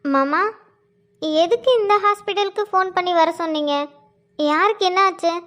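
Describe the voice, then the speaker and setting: Woman as orphaned college girl, very high, pleading and sobbing. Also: normal speed, fairly bright tone. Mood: anxious. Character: grieving young woman, college student, orphaned. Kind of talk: Tamil cartoon voice acting.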